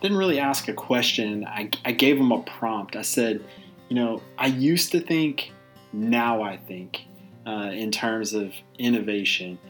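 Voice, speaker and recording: A man's voice: fairly low pitch, animated, unhurried, fairly bright tone, faint music behind. A man hosting an interview podcast in an informal, encouraging way, moving between conversation and narration.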